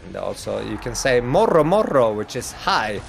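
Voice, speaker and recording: Soft music plays behind a Swedish esports commentator, a native Swedish speaker, who calls an online hockey match play by play in English. He has a gravelly, mid-range voice with big pitch swings at a normal speed. He's chatty with viewers, laughing often and reading their messages out.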